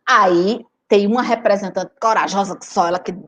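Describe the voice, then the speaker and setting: A woman from Recife, a teacher and writer giving a lively storytelling talk and speaking straight to her audience. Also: medium pitch, normal speed, slight background noise. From Recife, Brazil. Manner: animated, chatty, addresses audience directly.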